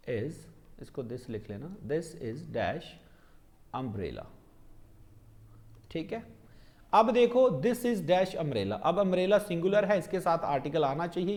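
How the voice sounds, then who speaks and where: A young man teaching English grammar for exam prep in mixed Hindi and English, checking in with his students after each point and slowing down to spell out example sentences. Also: high voice, darkish tone.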